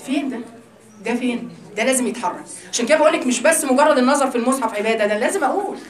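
A woman with an Egyptian Arabic accent giving a religious lesson to a group of women, talking in a lively, teasing, conversational way. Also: high voice, rapid-fire, roomy sound. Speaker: religious teacher.

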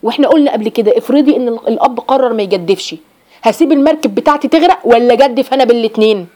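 A woman's voice: fairly high pitch, very fast, warm tone. A middle-aged woman with an Egyptian Arabic accent, a Quran teacher giving an emphatic religious talk to women and repeating phrases for stress.

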